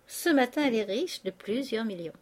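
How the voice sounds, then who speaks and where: A woman reading an audiobook, voicing a cynical male ex-convict lodger with a loud, mocking, swaggering delivery. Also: on the high side, lively intonation, normal speed.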